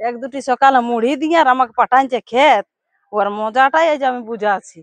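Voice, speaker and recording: A grumbling, middle-aged village mother-in-law with a Purulia Bengali accent scolds her idle daughter-in-law, played by an actress. She speaks in a very high voice, in a nagging, scolding tone. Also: a little fast, natural voice. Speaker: actor in a village drama.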